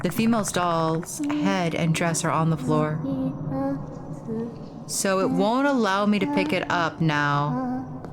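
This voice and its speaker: Lower-pitched woman narrating a horror game. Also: animated, slow pace, pauses often, heavy background noise. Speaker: gaming video host. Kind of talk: horror game commentary and read-aloud narration. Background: music.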